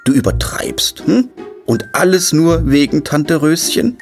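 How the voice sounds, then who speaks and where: A man narrating a children's cartoon story in a gentle, coaxing way, speaking to the little hero. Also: fairly high pitch, very animated, measured pace, gravelly, faint music behind. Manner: gentle, coaxing, talks to the figure.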